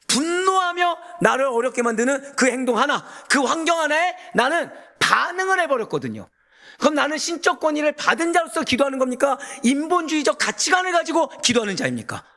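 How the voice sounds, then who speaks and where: A man preaching a sermon as a pastor, emphatic and full of rhetorical questions to the congregation, rising to near-shouts. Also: very high-pitched.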